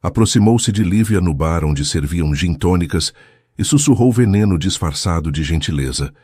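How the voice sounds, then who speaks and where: Narrator, male, very deep and husky, measured dramatic reading, dry close sound. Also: lively intonation, a little mellow, dry recording. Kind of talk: scripted romance narration.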